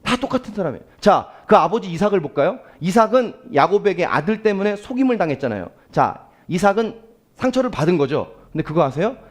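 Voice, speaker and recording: A man's voice: high-pitched, fast talker. A male pastor giving a Sunday sermon, asking the congregation questions and acting out quoted prayers. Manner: animated preaching, asks the congregation questions; acts out quoted prayers and speech.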